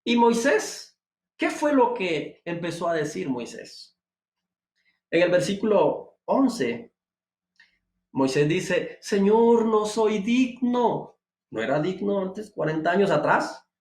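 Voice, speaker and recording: A man preaching with a fairly high voice that climbs sharply on his emphatic rhetorical questions. He sounds like he is in an echoey room, not close on a dry mic. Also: sing-song, slow pace. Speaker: pastor. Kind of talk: devotional sermon.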